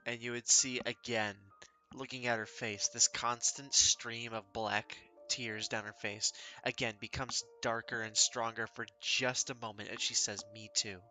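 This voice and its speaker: Bright-toned man narrating as game master. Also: medium pitch, little pitch movement, a little slow, faint music behind.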